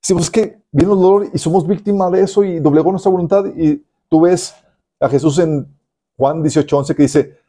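A man's voice: a little high, fairly quick. A man preaching to young people, asking them rhetorical questions. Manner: animated, addresses listeners directly with rhetorical questions. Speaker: youth pastor. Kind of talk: sermon.

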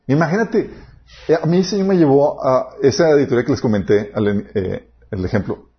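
A man's voice: mid-range voice, a little fast. A man preaching a sermon, telling personal stories and acting out quoted dialogue. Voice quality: animated, storytelling with quoted dialogue. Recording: dull lo-fi sound.

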